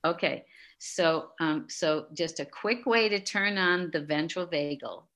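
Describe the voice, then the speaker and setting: A middle-aged woman with a notably low-pitched voice talks in a relaxed interview. Her manner is gently instructive, patiently explaining and guiding a listener through a calming exercise. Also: a little slow. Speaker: guest expert. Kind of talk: casual interview talk.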